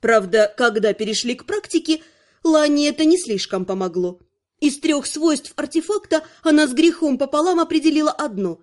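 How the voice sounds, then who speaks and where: A woman narrating a fantasy audiobook in an even, measured storytelling manner. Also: high-pitched.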